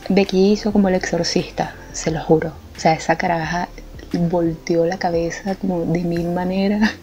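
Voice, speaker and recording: A young Venezuelan woman telling a funny anecdote in a lively, colloquial way, laughing often. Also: fairly low pitch, moderate pace. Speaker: art vlogger. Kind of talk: casual storytelling. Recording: slightly muffled with faint music. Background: faint background music.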